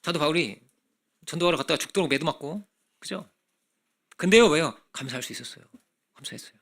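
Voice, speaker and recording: Brief: male pastor, sermon, raised pitch, gravelly and bright, chatty with rhetorical questions. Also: fast. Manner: conversational preaching with frequent rhetorical questions; acts out children's voices in animated bursts.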